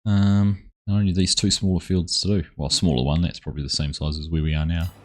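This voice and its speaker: His low voice is brisk, and his accent marks him as a New Zealander. He is streaming a farming game and chatting casually with viewers in a relaxed, rambling manner.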